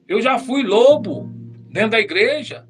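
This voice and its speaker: Very high-pitched animated missionary. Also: male voice, measured pace, faint music behind. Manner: animated, addresses listeners as brother. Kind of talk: testimony storytelling in preaching.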